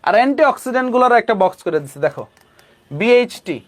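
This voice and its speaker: A man's voice: very high voice, big pitch swings, fast. A young man tutoring chemistry online with a Bangladeshi Bengali accent, repeating key terms and checking in with students. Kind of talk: online admission coaching class.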